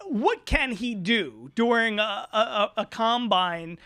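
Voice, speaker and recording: A man's voice: high-pitched, sing-song, takes it slowly, pushed and bright, dry recording. A man hosting a sports talk show from a studio, speaking energetically and with emphasis.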